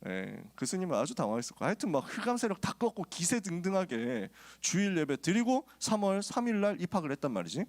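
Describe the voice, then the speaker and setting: A male pastor speaks to a youth group in a high voice, talking fast with hardly any pauses. He tells personal stories in a lively, casual, joking way before turning to urge his listeners on.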